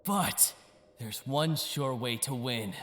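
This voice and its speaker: The arrogant young villain of an anime-style card-game audio drama gloats and taunts theatrically, moving from quiet, sly murmurs to shouts. In this clip the actor takes it slowly in a mid-range voice, sounding dismayed and brooding.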